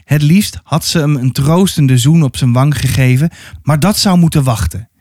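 A man reading a children's adventure book aloud in an expressive storytelling manner. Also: fairly high pitch, normal speed, no room sound, studio quality. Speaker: storybook reader.

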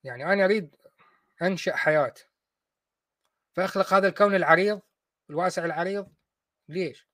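A man hosting a talk show, talking casually and mocking his opponents with quick acted asides. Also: high-pitched, a bit bright, no room sound, clean studio sound. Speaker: host of a call-in discussion show.

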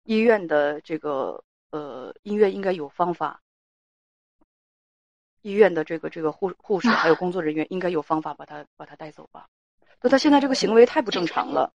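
A woman's voice: on the low side, lively intonation, fairly quick, gravelly, darkish tone, dry recording. A woman hosting a call-in advice show, speaking firmly and lecturing with rhetorical questions.

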